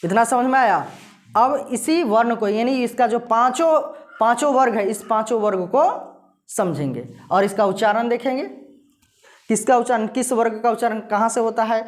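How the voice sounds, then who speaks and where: A woman's voice: fairly high pitch, moderate pace. A woman teaching a grammar lesson, asking questions and answering them herself.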